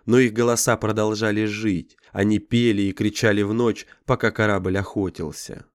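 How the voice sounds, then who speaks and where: Low-voiced man narrating a dark sci-fi audiobook. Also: level tone, moderate pace, no room sound, clean studio sound. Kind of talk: scripted dramatic narration.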